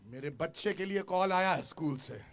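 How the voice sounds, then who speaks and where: A male pastor preaching a sermon, swinging between shouted exhortation and hushed storytelling, with English call-outs mixed in. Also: on the high side, animated, moderate pace, vocal fry, heavy background noise.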